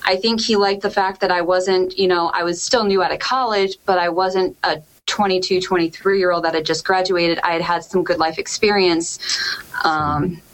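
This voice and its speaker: A woman's voice: lowish voice, fairly even intonation, normal speed, rough recording. Woman, 30s, from Connecticut, meteorologist guest, casual interview chat, acts out her own thoughts. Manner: chatty, laughs often, acts out her own past thoughts.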